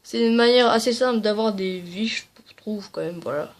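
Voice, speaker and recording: A woman's voice: medium pitch, moderate pace. A woman hosting a video game channel, giving a casual, rambling game tutorial full of fillers and apologies. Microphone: tablet.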